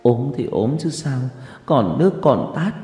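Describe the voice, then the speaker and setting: A man's voice: medium pitch, very animated, a little slow, warm tone, voice pushed up. A man voicing a grieving mother who cries out in anguish, recorded with long echoing reverb over faint music. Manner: anguished, accusing. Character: grieving mother crying in bed.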